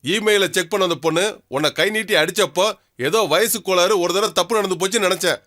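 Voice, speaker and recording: A man's voice: high-pitched, fast, sharp tone. An actor playing a stern father who scolds his son and gives him orders, in a film. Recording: film soundtrack with music.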